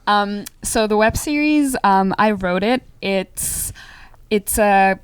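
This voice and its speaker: A woman's voice: mid-range voice, slow pace, clear, resonant tone. A young adult woman from Austria, an actress and filmmaker, chatting upbeat and easily in a casual interview.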